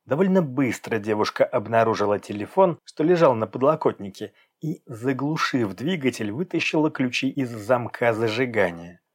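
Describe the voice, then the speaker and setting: A man narrating an audiobook in an even, measured storytelling manner. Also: mid-range voice, breathy edge.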